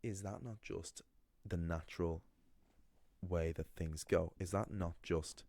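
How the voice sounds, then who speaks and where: A man's voice: sits low, fairly even intonation, slow pace, gravelly, a little mellow, no room sound. A young man teaching pronunciation in a blunt, opinionated way, with frequent restarts. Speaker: language teacher. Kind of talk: casual explanatory monologue.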